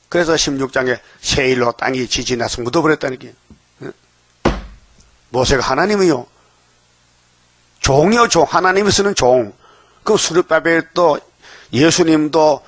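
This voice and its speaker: A man preaching a dawn sermon, emphatic, often prodding his listeners with quick rhetorical questions. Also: a little high, no room sound.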